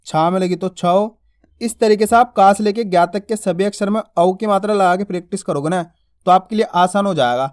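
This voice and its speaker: High-voiced man teaching Hindi letters. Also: darkish tone. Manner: slow, drawn-out sounding of each syllable, stressing the vowel; repeats and quizzes the viewer with questions. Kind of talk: spoken lesson.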